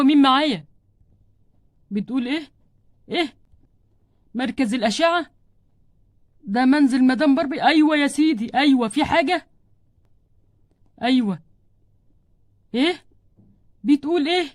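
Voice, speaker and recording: A woman's voice: high-pitched, lively intonation, normal speed, pauses often, dry recording, studio quality. A woman voicing an adult man doll who frets over his sick wife, speaking Egyptian Arabic with pleading, repeated words. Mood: indignant. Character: worried devoted husband doll, adult man. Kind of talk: doll play storytelling.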